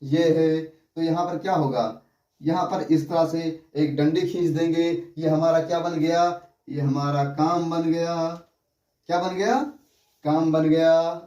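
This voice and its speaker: Slow, patient man teaching. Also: a little high, fairly even intonation, mellow, highs cut off. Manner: slow and patient, repeats syllables and asks rhetorical questions. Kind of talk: classroom lesson on writing and pronunciation. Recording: echoey room, voice from a distance.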